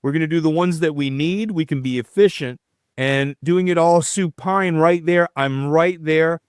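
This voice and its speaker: Middle-aged male guest, lively explainer, clear smooth voice, fairly high for a man, dry close sound. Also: moderate pace, no echo. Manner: animated, explanatory, demonstrative. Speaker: chiropractor guest. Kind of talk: podcast interview answers.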